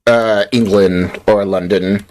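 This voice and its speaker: A man's voice: fairly low pitch, fairly even intonation, slow pace, darkish tone. A young American man from Utah chatting casually with his viewers while playing, rambling and playful, tired after a long work shift. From Utah, United States. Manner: rambling, playful, self-deprecating, talks to chat. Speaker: streamer. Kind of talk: casual live-stream chat while playing.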